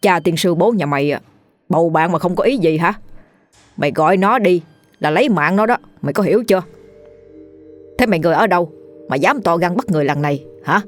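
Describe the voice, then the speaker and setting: A woman's voice: lowish voice, animated, brisk, long pauses, faint music behind, lightly acted. A woman voicing a brash, hot-tempered old male exorcist who scolds and brags. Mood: scolding.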